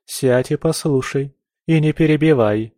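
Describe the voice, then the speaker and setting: Sex: man. Figure: a man voicing a stern countess mother. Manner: lecturing, raised pitch. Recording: dry. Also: moderate pace, dark tone, no echo, lightly acted. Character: strict aristocratic countess mother, middle-aged woman. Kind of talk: audiobook character voice.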